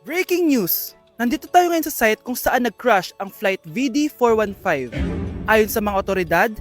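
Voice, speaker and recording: A woman's voice: on the high side, animated, normal speed, soft background music, pitched below the performer's own voice. A woman voicing a serious female TV news reporter announcing breaking news in a comedy sketch. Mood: grave. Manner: grave, announcing newsreader delivery.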